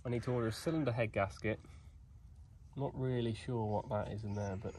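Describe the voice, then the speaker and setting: Outdoors at night beside an old digger, a mechanic vlogger in his twenties strips an engine while a nearby camera records him. His voice is lowish and darkish, with fairly even intonation and a brisk pace, and there's a little hiss or hum. He chats cheekily and thinks aloud as he narrates.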